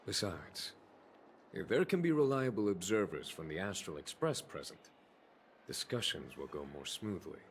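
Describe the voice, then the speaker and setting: A man playing a composed, courteous general in an anime game, speaking in a measured, formal way. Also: sits low, sing-song, slight background noise. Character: composed, courteous male general, calm and authoritative. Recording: game music behind the voice.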